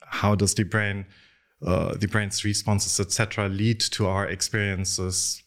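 A man in his thirties with a Dutch accent, a clinical psychologist speaking thoughtfully, with pauses and restarts. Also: on the low side, level tone, fairly bright tone. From Netherlands, raised in the UAE. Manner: thoughtful, frequent ums and restarts. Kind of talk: interview conversation.

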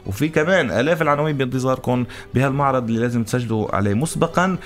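A man with a Levantine, Lebanese Arabic accent hosting a morning radio show in playful, animated banter. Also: mid-range voice, racing. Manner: animated, teasing, often laughing. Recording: music bed under studio voice. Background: background music.

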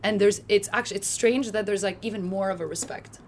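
A woman's voice: medium pitch, steady tone, quick pace, a little hiss or hum. A woman with a Californian American accent, a podcast guest talking passionately in casual chat, often restarting her sentences. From France. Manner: passionate, emphatic, frequent restarts.

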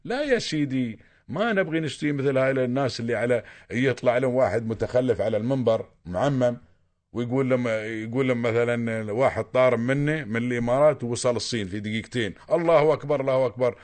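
A man with an Emirati Arabic accent speaks very fast on a radio call-in, pressing his advice on listeners and circling back to the same points with insistence. His voice sits at a middling pitch. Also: darkish tone. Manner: insistent, lecturing, repeats himself. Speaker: caller.

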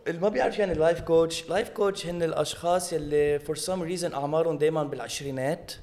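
A podcast co-host with a Lebanese Arabic accent talks fast in a slightly high, steady, darkish voice. His chat is casual and humorous, full of stories told with mocking mimicry and sprinkled with English phrases.

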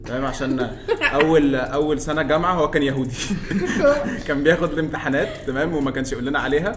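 Young Egyptian male co-host, rapid delivery, casual storyteller among friends. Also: on the high side, animated, a crowd in the background. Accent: Egyptian Arabic. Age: young adult. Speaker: podcast co-host.

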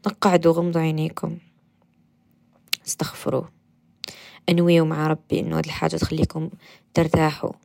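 Here the Algerian-accented radio host guides listeners through meditation and self-affirmation, coaxing them gently, repeating affirmations, and occasionally slipping into a soft whisper. Her voice is low and gravelly, utterly flat in delivery, and very fast.

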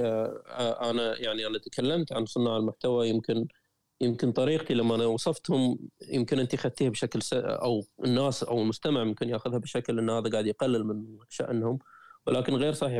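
Fast-talking Gulf Arabic man, mellow tone. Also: medium pitch, vocal fry, no room sound, clean studio sound. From Qatar. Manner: lively storyteller, frequent self-corrections and restarts. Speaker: guest, traveler and writer. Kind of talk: conversational interview.

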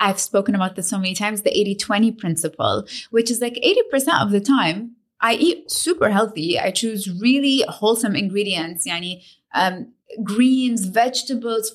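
A young woman from Lebanon, a fitness trainer and dietitian, talking casually as a podcast guest, mixing English with Arabic and sprinkling in "like" and "you know.". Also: on the high side. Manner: lively, mixes English with Arabic, many "like" and "you know" fillers.

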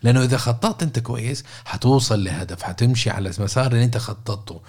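A man's voice: medium pitch, very fast, darkish tone, husky. A man giving a casual coaching talk, repeating words and checking in with listeners by asking questions. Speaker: podcast host and coach.

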